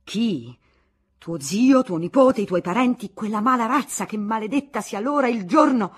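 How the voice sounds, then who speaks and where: A woman voicing an exasperated middle-aged politician who shouts his outrage, in a radio reading of a novel. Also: medium pitch, big pitch swings, moderate pace, husky. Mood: furious.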